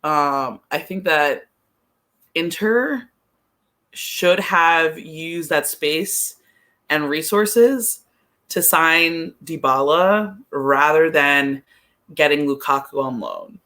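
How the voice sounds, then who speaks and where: Talking extremely slowly, a podcast analyst discusses soccer casually in a bright, forceful, medium-pitched voice with lively intonation. They sound hesitant, think aloud, and keep saying "like."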